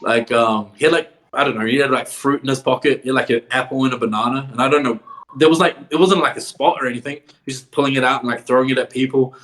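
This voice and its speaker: A man's voice: medium pitch, steady tone, fast talker, a bit bright. A man, a wrestler guest, telling stories casually. He swears freely, laughs often, and fills his speech with "like". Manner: swears a lot, laughs often, filler-heavy "like". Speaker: professional wrestler, podcast guest. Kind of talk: casual storytelling.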